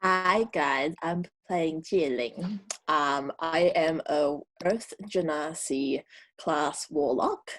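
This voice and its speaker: A woman introducing herself as a player in a tabletop game over a video call, soft-spoken and laughing often. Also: low voice, expressive, slow. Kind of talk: casual chat at a tabletop game.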